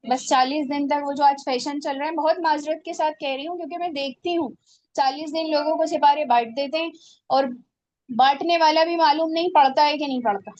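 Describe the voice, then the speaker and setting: A woman's voice: high-pitched, brisk, a little mellow, lo-fi sound. A woman teaching a religious class on Quran recitation, earnest and exhorting her students.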